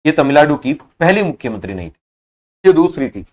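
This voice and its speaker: A man teaching an online exam-prep class, quizzing students and repeating each answer, at times scolding them for slow replies. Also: on the high side, sing-song, a little mellow.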